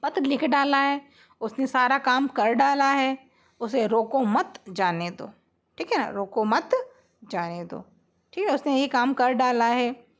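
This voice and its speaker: A woman with a high voice gives a blackboard grammar lesson. She explains each rule patiently and repeats her example sentences. She keeps checking that her students are following. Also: measured pace. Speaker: Hindi grammar teacher.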